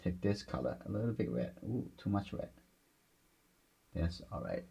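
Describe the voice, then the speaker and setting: Gentle, low gravelly male painting instructor. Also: big pitch swings, moderate pace. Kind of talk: step-by-step painting demonstration, unscripted.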